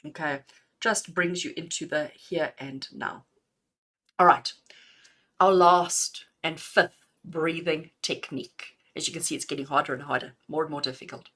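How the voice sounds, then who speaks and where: A middle-aged woman leads a live guided breathing lesson as a spiritual healer. She talks in an animated, chatty way and laughs often. When she counts breaths, she slows down and turns calm. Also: low-pitched.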